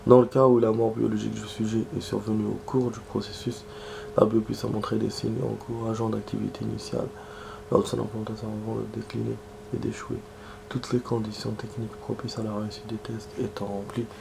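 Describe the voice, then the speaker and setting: A man with a cold streams a game at a brisk pace, reading its text aloud and chatting casually over a noisy background. His delivery stays flat, low and gravelly, with muttered asides and throat-clearing.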